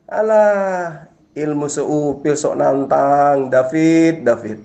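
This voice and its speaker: A man's voice: sits high, lively intonation, normal speed, background noise. A man argues in a heated religious debate. He taunts and mocks his opponent, and he keeps pressing him to answer. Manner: mocking, taunting, insulting.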